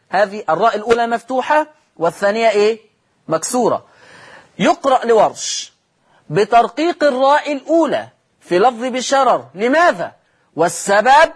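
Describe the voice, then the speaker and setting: An Egyptian man teaching Quran recitation rules in a televised lesson. He asks the audience questions, answers them himself, and draws out example words slowly. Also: very high-pitched, breathy edge.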